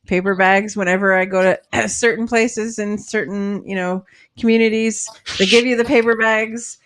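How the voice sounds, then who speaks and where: A woman's voice: mid-range voice, fairly even intonation, normal speed, fairly bright tone. Chatty laughing woman guest. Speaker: talk show guest. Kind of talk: casual chat.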